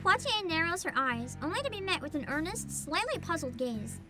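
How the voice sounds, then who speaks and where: A woman's voice: extremely high pitch, brisk, music in the background. A woman streaming a story game, switching between giggly casual commentary and reading narration aloud. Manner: animated, giggly.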